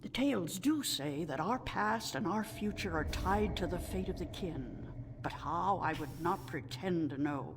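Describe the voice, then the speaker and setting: A woman playing a sweet, gentle old female storyteller of a non-human tribe in a video game, speaking in a measured way. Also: lowish voice, expressive. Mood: wistful, reverent. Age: older. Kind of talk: scripted video game dialogue. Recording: echoing hall reverb, clear background noise.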